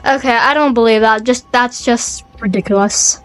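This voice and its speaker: A woman's voice: on the high side, normal speed, soft background music. A young woman co-hosting a casual podcast, chiming in with eager, skeptical reactions. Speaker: podcast co-host.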